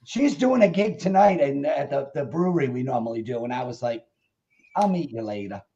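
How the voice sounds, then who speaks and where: A middle-aged man chatting casually on a video call in the salty, gossipy manner of a campy drag queen, with a creaky voice. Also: medium pitch, lively intonation, brisk, dark tone, lo-fi sound. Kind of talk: casual chat. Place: room at home, indoors.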